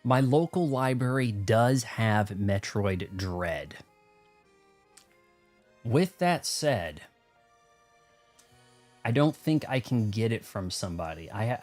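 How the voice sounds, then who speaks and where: An American man hosts a video game livestream, rambling through casual, conversational chat and commentary in a lowish, slightly mellow voice.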